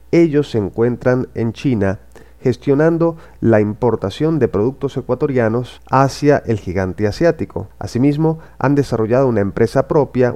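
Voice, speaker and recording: Male podcast host, formal and measured, mellow tone. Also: mid-range voice. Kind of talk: interview podcast.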